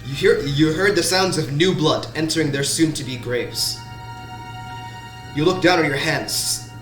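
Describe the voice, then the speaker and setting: Halting man narrating a tabletop game. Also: on the high side, fairly bright tone. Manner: slow, halting, with many restarts. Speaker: game master. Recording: roomy sound, faint background music.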